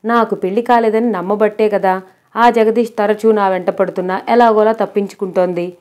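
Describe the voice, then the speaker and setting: A woman's voice: mid-range voice, steady tone, normal speed, darkish tone, natural voice. A woman doing Seetha Mahalakshmi, a furious scolding wife. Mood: angry scolding. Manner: scolding, indignant. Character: furious young wife scolding her husband.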